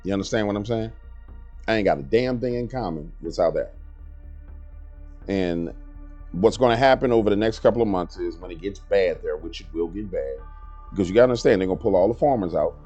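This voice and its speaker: A man delivers blunt, emphatic commentary in a very low, dark voice. The recording sounds slightly dull, with faint music underneath. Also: brisk. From New Orleans, Louisiana. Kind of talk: casual commentary.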